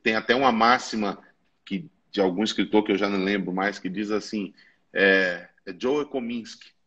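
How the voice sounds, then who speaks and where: A man's voice: fairly low pitch, moderate pace, fairly bright tone, husky, highs cut off. A man, a pastor and musician, explaining things step by step in an earnest, teaching way. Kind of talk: teaching in a conversation.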